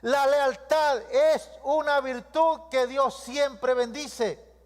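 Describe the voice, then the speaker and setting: A man's voice: very high voice, steady tone, very slow. A man preaching a sermon as pastor, leading the congregation in call-and-response and stacking repeated lists. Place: church hall. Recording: long reverb of a church hall.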